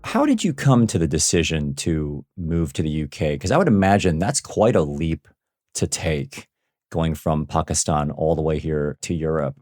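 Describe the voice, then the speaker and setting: A man's voice: a bass voice, sing-song, moderate pace, a little mellow, no echo, studio quality. A man hosting a career podcast and asking his guest questions. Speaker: podcast host. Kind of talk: interview podcast.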